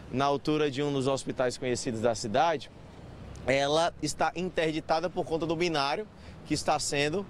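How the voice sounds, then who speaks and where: A man giving an urgent live news report from a city avenue, questioning witnesses. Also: on the high side. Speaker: street reporter. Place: busy city avenue outdoors. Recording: street traffic noise behind.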